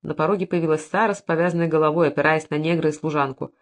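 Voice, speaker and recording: A woman narrating a historical novel as an audiobook, with expressive reading. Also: deep voice, rapid-fire.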